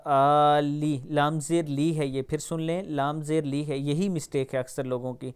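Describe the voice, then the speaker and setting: A man with a Pakistani Urdu accent teaching the pronunciation of a prayer, drawing each word out slowly, then explaining quickly. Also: a little high, steady tone, clear, resonant tone. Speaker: Quran recitation teacher. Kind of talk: pronunciation lesson.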